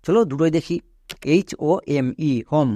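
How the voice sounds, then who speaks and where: A man's voice: a little high, normal speed, dark tone, no room sound. A young man with a Bengali accent teaching English spelling in a lesson, explaining step by step and answering his own questions. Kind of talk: classroom-style spelling lesson.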